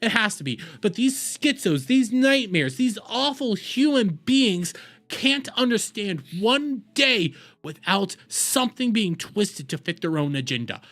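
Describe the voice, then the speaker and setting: A man with a high-sitting, fairly bright voice hosts a reaction video, delivering an angry commentary rant. He's very animated yet unhurried, heated and profane, swearing a lot and repeating himself.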